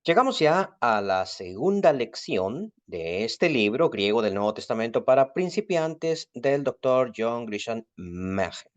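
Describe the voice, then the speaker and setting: A man giving a recorded lesson as a Biblical Greek teacher, explaining clearly and stressing key words. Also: mid-range voice, sing-song, a little slow, hardly any pauses, dry recording. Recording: dry, slightly dull recording.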